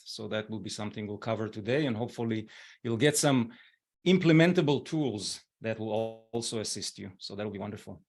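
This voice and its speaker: A man in his forties from Israel hosting an online webinar, speaking gently and encouragingly with frequent fillers over a video call. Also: mid-range voice. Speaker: webinar host.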